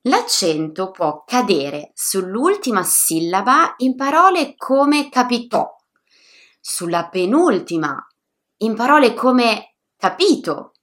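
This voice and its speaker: A woman teaching pronunciation in a lively, upbeat scripted lesson, speaking directly to learners. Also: mid-range voice, slow. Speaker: Italian teacher.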